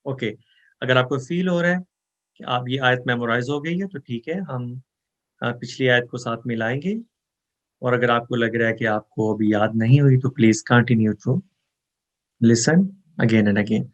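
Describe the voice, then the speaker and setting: A man teaching Quran memorization, explaining pronunciation rules and reciting verses in a slow, drawn-out chant. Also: mid-range voice, lo-fi sound. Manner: explains Urdu rules mixed with English words. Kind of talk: online recitation lesson.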